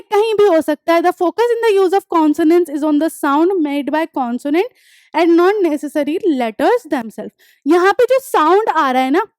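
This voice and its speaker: A young woman teaching an English lesson online, explaining step by step, often checking that students follow, and reading examples slowly. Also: very high-pitched, darkish tone, no echo, clean studio sound. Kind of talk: online class lecture.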